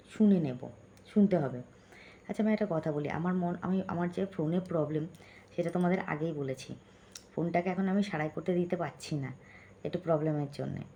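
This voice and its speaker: A woman talks softly and close to her phone, keeping her voice down at home late at night. Her voice is low and mellow, and she chats warmly with viewers, often asking if they follow. A faint hiss sits behind her. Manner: speaks softly and close to the phone so as not to wake others; chatty, keeps checking in with listeners. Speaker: vlogger. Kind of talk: late-night vlog outro, reading viewer comments. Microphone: phone held close.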